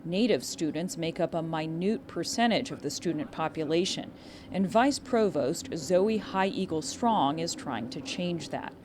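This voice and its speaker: A woman's voice: low-pitched, expressive, unhurried, background noise. A woman reporter reading scripted narration for an investigative news exposé.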